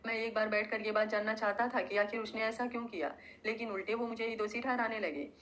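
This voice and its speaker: A woman voicing a hot-tempered young man who talks forcefully and firmly, in a storybook reading. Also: on the high side, steady tone, fast talker, slight background noise, lightly acted. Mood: angry.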